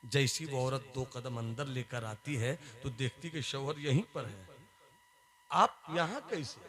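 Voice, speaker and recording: A man telling a devotional story in a sermon, dramatic and swinging from hushed tones to shouting. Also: mid-range voice, unhurried.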